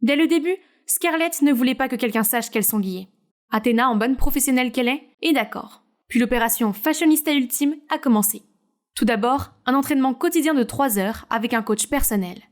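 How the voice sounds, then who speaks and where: Female storyteller, high pitch, steady scripted narration. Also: brisk.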